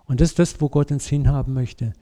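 A man preaching a sermon, telling a story with lively, vivid asides and speaking directly to his congregation. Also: mid-range voice, fairly quick.

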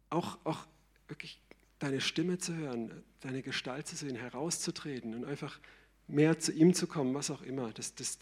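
A man preaching a sermon in a conversational, lively way, often checking in with "ja?". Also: a little high, slightly rough.

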